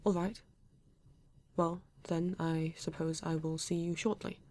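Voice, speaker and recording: A woman performs a courteous android detective, male and formal, for an ASMR roleplay, speaking with a British accent in a measured, stiff way. Her low voice has a darkish tone and little pitch movement.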